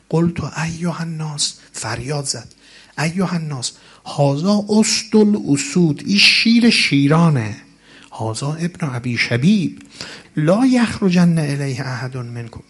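A male preacher telling a religious story in a sermon, slowly reciting Arabic passages and then retelling them with dramatic swells. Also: medium pitch, husky.

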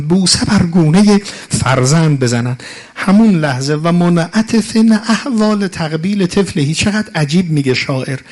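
A man delivers a mourning sermon in a slightly high voice and weaves chanted Arabic passages into his narration. His delivery swings between hushed, near-whispered storytelling and loud, impassioned lament. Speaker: preacher.

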